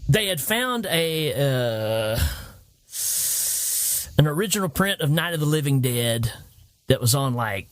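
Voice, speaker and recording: A man from Tennessee with a Southern accent, hosting a podcast and telling stories in a casual, animated way. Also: fairly high pitch, takes it slowly, long pauses, no echo. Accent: Tennessee Southern American. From Tennessee, United States. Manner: animated storyteller, acts out quoted voices. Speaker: podcast host. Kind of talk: casual storytelling chat.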